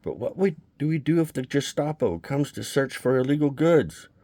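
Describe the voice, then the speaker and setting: Guy putting on a scared young wife, pleading, voice pushed way up high. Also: lively intonation, normal speed, warm tone, no room sound. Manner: pleading, anxious.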